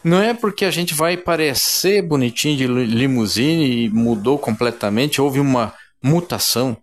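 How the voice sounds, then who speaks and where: A man's voice: medium pitch, animated, normal speed. A man preaching a sermon in a fervent, emphatic way, often addressing his listeners as brothers.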